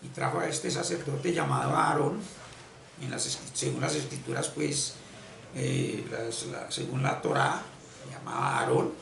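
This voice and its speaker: A man giving an unscripted esoteric religious lecture, halting and repeating phrases as he searches for words. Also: medium pitch, vocal fry, a bit bright, distant mic, a little hiss or hum. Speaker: esoteric spiritual teacher. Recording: echoey room, voice off-mic, faint ambience.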